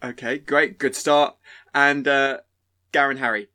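A man hosting a film podcast in a relaxed, joking way, with frequent fillers and restarts. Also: medium pitch, unhurried. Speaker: podcast host. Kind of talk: casual podcast chat.

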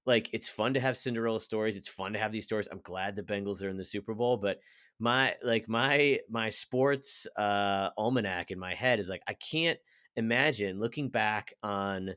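A man's voice: fairly low pitch, fairly bright tone. A man co-hosting a casual sports podcast, rambling and full of "like" fillers. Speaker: podcast co-host.

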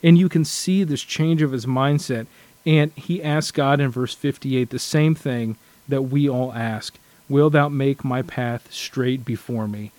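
A man's voice: mid-range voice, a little slow, a little mellow, dry recording. A man sharing his thoughts in a casual scripture study discussion, earnest and reflective, often restarting his sentences.

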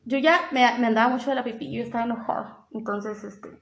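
A woman's voice: fairly high pitch, fast, vocal fry, echoey room, slight background noise. A young woman with a Mexican Spanish accent, co-hosting a casual podcast chat and telling a story with acted-out voices. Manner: animated storyteller, acts out voices and laughs. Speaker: podcast co-host. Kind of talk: casual chat among friends.

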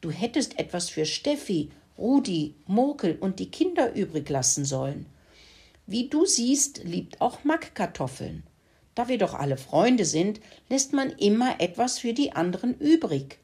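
A woman's voice: medium pitch, sing-song, a little slow, slightly rough, pitched above the performer's own voice, exaggerated voice. Woman reading a wise, lecturing tomcat. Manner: gently lecturing. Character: wise, calm male tomcat.

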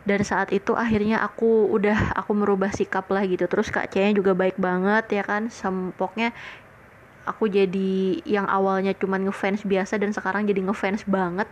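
A woman's voice: medium pitch, highs cut off, slight background noise. A young woman hosting a podcast, telling a personal story in a casual, chatty way, full of fillers and retold conversations, earnest and grateful. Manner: chatty, leans on frequent fillers and retells conversations. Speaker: podcast host.

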